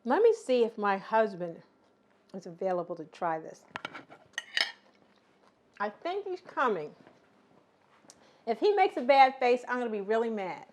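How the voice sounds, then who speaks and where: A woman's voice: on the high side, big pitch swings, a little slow, long pauses, a little mellow. Chatty woman hosting a cooking demo. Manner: chatty, teasing. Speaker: cooking show host. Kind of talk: casual cooking demonstration.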